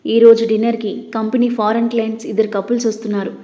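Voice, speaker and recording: A woman's voice: fairly high pitch, flat delivery, quick pace, mellow, close to an everyday voice. A woman voicing a cold, commanding young husband who speaks curtly. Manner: curt, commanding. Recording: roomy, dull lo-fi.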